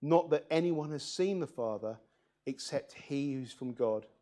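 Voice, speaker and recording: A man's voice: mid-range voice, a little slow, mellow. Earnest man preaching a sermon. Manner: earnest, asks the congregation questions. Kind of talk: sermon reading scripture. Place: church.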